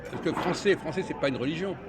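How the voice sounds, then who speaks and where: Guy leading a café debate, kinda high voice, lots of chatter around outside. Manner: questioning, halting with restarts. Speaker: host of a philosophy café discussion. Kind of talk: casual group debate. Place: outdoor café by a street. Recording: busy crowd noise outdoors.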